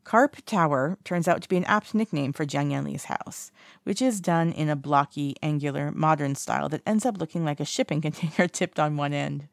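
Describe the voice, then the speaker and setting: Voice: mid-range voice, moderate pace, gravelly, no echo, studio quality. A narrator reading fan fiction aloud in a casual way, with small slips and self-corrections.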